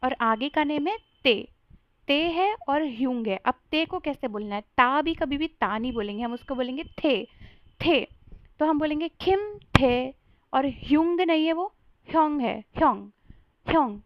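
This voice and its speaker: Woman teaching pronunciation, says each sound over and over, kinda high voice, dry dull sound. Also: dry recording. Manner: drills sounds slowly, repeating each syllable. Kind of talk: casual explainer lesson.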